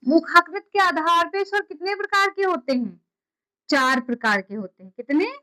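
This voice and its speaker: A woman's voice: extremely high pitch, lively intonation, normal speed, pushed and bright, low-quality recording. A woman teaching a class, repeating key terms and quizzing her students with questions. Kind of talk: classroom lecture.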